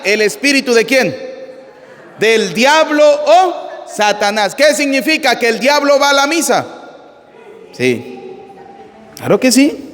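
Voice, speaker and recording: Blunt high-voiced priest in a reverberant church. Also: male voice, a bit bright. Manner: blunt, asks the congregation rhetorical questions. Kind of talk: live sermon on the Gospel.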